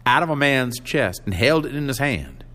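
A man's voice: medium pitch, sing-song, moderate pace, pushed and bright, voice pushed up. A man voicing a shrewd, brooding one-armed young drifter with a firm, nasal voice.

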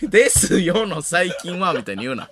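A young man with a Kansai accent co-hosting late-night comedy radio, protesting loudly between laughs. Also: high-pitched, big pitch swings, moderate pace, crowd noise. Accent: Kansai Japanese. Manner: loud, laughing retorts and protests. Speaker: radio co-host. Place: radio studio.

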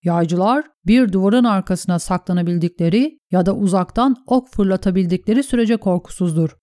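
Brief: woman reader doing a cynical, mocking knight in an audiobook, dark tone, dry sound. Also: mid-range voice, normal speed, no room sound, lightly acted. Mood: sardonic. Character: cynical noble male knight, sardonic.

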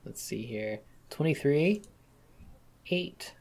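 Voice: mid-range voice, animated, slow pace, gravelly, darkish tone. A player in a tabletop game, talking in an easygoing way. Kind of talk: casual tabletop game talk.

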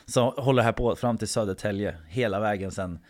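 A man telling a long anecdote in casual podcast chat, acting out quotes and swearing casually. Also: on the low side.

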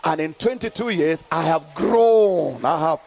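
A man's voice: a little high, unhurried, gravelly, a little mellow. A middle-aged man preaching a sermon to his congregation, calling out for the church to answer back and building to emphatic peaks. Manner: call-and-response preaching, rising to emphatic peaks. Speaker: pastor.

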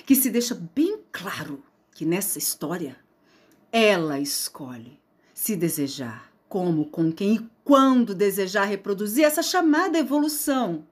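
A woman performing a spoken word poem, slow and dramatic with sudden loud outbursts. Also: medium pitch, big pitch swings, husky.

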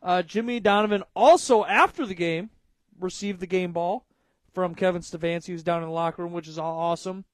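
High-voiced excitable man. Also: a little fast, no room sound. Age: 30s. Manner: excitable, swearing, often shouting with excitement. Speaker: podcast co-host. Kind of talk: casual sports chat.

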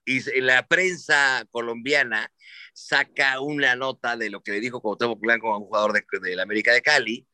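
Hosting a casual chat, a man with a Mexican Spanish accent tells sports stories in an animated, profane style, acting out the voices of the people he quotes. His voice is medium-pitched at a moderate pace, with no echo.

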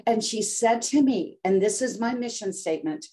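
With a fairly high, mellow voice and lively intonation, this older American health coach tells a personal story as an interview guest. She speaks at a moderate pace and is dramatic, changing her voice to act out quotes as the story turns emotional.

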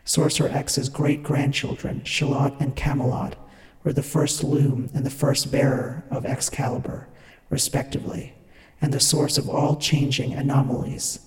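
Man doing many-as-one voice, flat recital, big echoing hall, distant. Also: mid-range voice, normal speed, close to an everyday voice. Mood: recited. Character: many beings speaking as one, reading a file. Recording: far, echoey long reverb.

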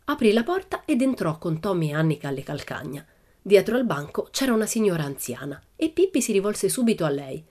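A woman narrating a children's audiobook in a steady, expressive storytelling manner. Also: lowish voice, a little fast.

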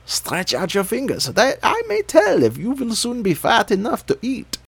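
A man's voice: high voice, huge pitch swings, normal speed, creaky, breathy edge, dry recording, pitched above the performer's own voice, full character voice. A man voicing a wicked, cruel old witch who scolds and schemes in a storybook reading. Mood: scolding.

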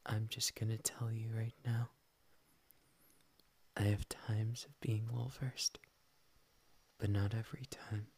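A man's voice: on the low side, flat delivery, slow, long pauses, slightly rough, exaggerated voice. A man voicing a shy, playful young male cat boy in a whispered ASMR roleplay, tender and teasing, slipping "nya" into his talk. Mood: earnest. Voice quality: soft whispery delivery.

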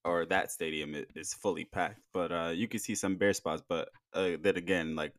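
Low-voiced laid-back male co-host, thirties. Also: fairly even intonation, fairly bright tone, no room sound, clean studio sound. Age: 30s. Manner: laid-back slang, drawn-out, trailing delivery. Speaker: podcast co-host. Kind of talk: casual sports podcast chat.

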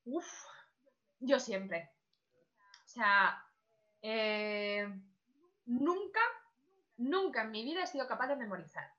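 A woman's voice: fairly high pitch, lively intonation, slow pace, pauses often, bright, forceful tone, muffled recording. A woman speaking as a guest in a casual podcast chat, chatty, with many fillers and frequent laughs.

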